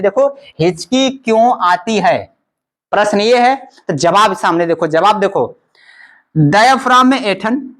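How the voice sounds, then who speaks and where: A male teacher explains a lesson over a diagram, asking questions and answering them himself with much repetition. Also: high-pitched.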